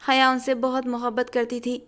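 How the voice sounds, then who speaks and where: A woman narrating a dramatic family story in a steady, expressive reading. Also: a little high, moderate pace.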